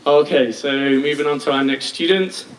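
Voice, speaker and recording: A man's voice: fairly high pitch, moderate pace. Hesitant British man giving a ceremony speech. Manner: self-deprecating, hesitant with many ums and restarts. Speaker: school principal. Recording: distant mic with faint noise.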